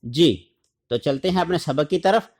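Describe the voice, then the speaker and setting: A man from Pakistan leads a Quran reading lesson, sounding out each letter and syllable slowly and deliberately. His voice sits a little high for a man. He breaks into short chanted recitations as examples. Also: a little mellow.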